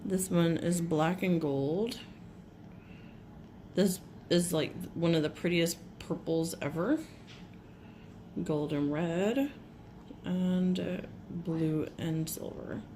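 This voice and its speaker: Woman vlogger, slow and chatty, slightly rough from a cold, faint hiss behind her. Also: on the low side, mellow. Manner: gushing, chatty, clears throat often. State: has a cold, voice a little rough. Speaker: nail vlogger. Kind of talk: casual unboxing chat. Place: home.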